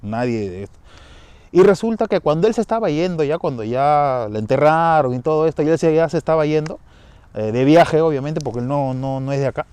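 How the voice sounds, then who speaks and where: A man's voice: animated, fairly quick, darkish tone, clean tone, dry recording. Rambling Peruvian man telling a ghost story. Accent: Peruvian Spanish. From Peru. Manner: rambling, many restarts and tag questions, acts out family voices higher. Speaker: storyteller sharing a personal experience. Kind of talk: casual spoken anecdote.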